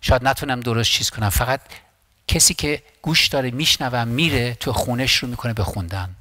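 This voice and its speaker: A man's voice: medium pitch, pushed and bright, dry recording. A man preaching a sermon as pastor, impassioned and emphatic, repeating phrases and often restarting words.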